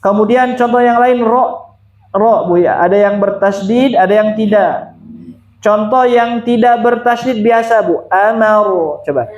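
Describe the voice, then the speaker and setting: A man whose voice sits high gives a one-on-one Quran recitation lesson at a measured pace. He patiently repeats and demonstrates pronunciations for a student; the sound is roomy with the highs cut off.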